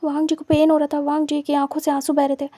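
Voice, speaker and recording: Female storyteller, high flat mellow voice, dry close sound, plain repetitive narration. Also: quick pace, dry recording.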